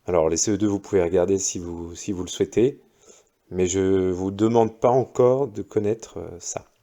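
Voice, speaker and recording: A male primary school teacher going over exercise answers slowly and patiently, one step at a time. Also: deep voice, steady tone, warm tone. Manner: slow, patient, explains step by step. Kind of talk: recorded lesson correcting exercises.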